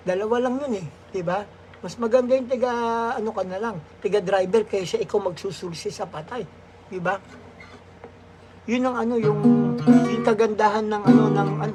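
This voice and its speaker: A man's voice: high voice, slight background noise. A man, a comedian, telling comic stories on a live stream in a rambling, giggly way, full of fillers and restarts. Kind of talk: comic storytelling.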